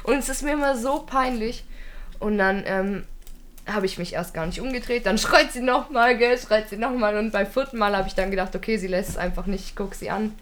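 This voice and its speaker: A woman's voice: medium pitch, fairly quick. A young woman, animatedly telling a funny, embarrassing story in casual chat, laughing often.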